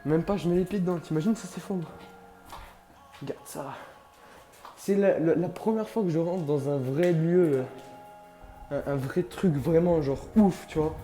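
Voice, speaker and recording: Exploring an abandoned building inside and out, this vlog host chats to his viewers in a relaxed, slangy way, clearly amazed by what he sees. His voice sits on the higher side and sounds mellow at an ordinary pace, echoing around him over background music.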